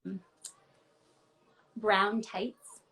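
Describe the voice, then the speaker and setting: A ballet dancer talks extremely slowly in a sharp-toned, mid-range voice with little pitch movement. She's a guest in a casual video-call interview from her ground floor apartment, open and emphatic, using many fillers like "like" and "um," and the audio is poor.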